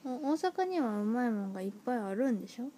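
A woman in intimate, soft pillow talk with her small child, gently encouraging and asking simple questions. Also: on the high side, animated, fast talker, slight background noise. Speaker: mother chatting with her young child.

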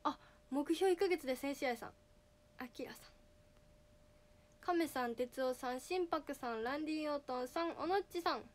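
Her voice is high and slightly nasal, at a normal speed with frequent pauses. The speaker is a teenage girl idol chatting casually on a livestream, reading out viewer names and giving bright greetings.

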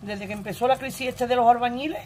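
A woman's voice: on the high side, steady tone, fast talker, dark tone, slight background noise. A woman in her forties with an Andalusian Spanish accent, telling her own story to her viewers in a blunt, earthy, emotional way and swearing freely. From Andalusia, Spain. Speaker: vlogger.

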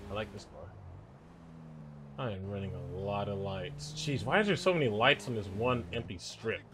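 A young man giving nervous, excitable commentary while playing a game, yelling when chased. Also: on the low side, moderate pace, background noise. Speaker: gaming YouTuber.

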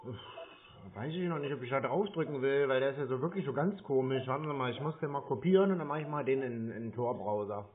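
A man's voice: mid-range voice, fast talker. Teasing man on a tinny phone line. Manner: stalling, teasing, playing dumb. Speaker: scam-baiting call recipient. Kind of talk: prank phone call.

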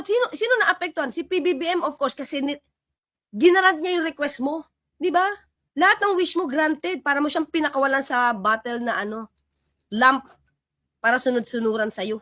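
Animated high-voiced woman vlogger. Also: no echo, studio quality. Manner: animated, sarcastic, replays and reacts to clips. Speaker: political commentary vlogger. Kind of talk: casual political commentary.

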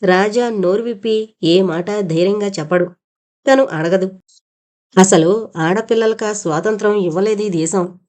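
Mellow-voiced woman reading a novel. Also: mid-range voice, measured pace, long pauses. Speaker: narrator.

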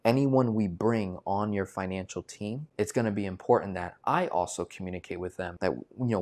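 Animated young man pitching a coaching program. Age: 20s. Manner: animated, gesturing, many filler "right?" tags. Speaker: financial coach. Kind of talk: direct-to-camera sales pitch. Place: indoor studio with plain backdrop. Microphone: lapel mic.

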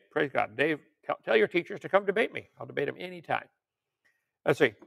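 A gravelly, slightly high, somewhat bright voice belongs to an older man who preaches and lectures on creationism. In an informal teaching sermon, he reads articles and questions from viewers, adding folksy jokes along the way.

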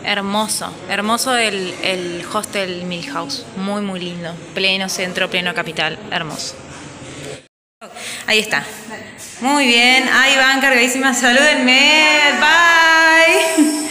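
A young woman from Entre Ríos with an Argentine Spanish accent chats upbeat while vlogging on a handheld phone, her voice mid-range and slow. She's indoors in a busy hostel common area, with crowd chatter around her.

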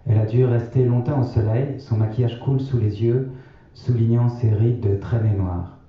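A man reading his own novel aloud in a measured, sober way. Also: medium pitch, steady tone. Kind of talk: literary reading. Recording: echoey, distant, slightly dull.

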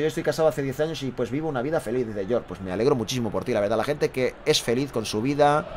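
Bright-voiced man from calling football. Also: medium pitch, a little hiss or hum. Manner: energetic, chatty, jokey asides. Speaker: streamer and football commentator. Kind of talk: live play-by-play with chat reading.

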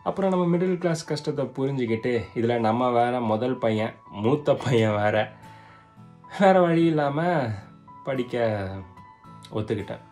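A man's voice: mid-range voice, animated, unhurried, long pauses, a little mellow, faint music behind. Easygoing young man in a comedy skit. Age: young adult. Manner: easygoing, turns earnest and reflective. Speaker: comedy skit actor, older brother figure.

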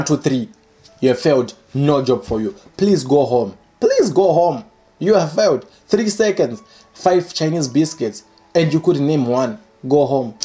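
A young man in his twenties hosting his own channel, reading comments aloud and joking about them in a playful, animated way, recorded indoors by a window. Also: a little high. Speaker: channel host. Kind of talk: casual comedic commentary. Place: indoor room by a curtained window.

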